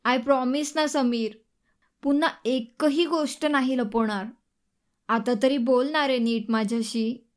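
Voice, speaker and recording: A woman's voice: high-pitched, fairly even intonation, takes it slowly. A woman voicing a shaken young wife in an audiobook, upset and pleading. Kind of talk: audiobook dialogue reading.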